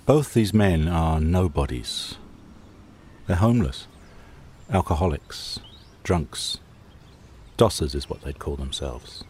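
A man's voice: very deep voice, animated, slow, pauses often, a little mellow, a little hiss or hum. A man hosting a scripted true-crime documentary podcast, telling the story conversationally in short, suspenseful phrases straight to the listener. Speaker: podcast host and narrator.

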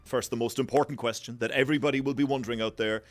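Irish bloke reporting and interviewing, talks fast, dry studio-like sound. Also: male voice, mid-range voice, steady tone, no echo. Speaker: journalist interviewer. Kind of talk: broadcast political analysis and interviewing.

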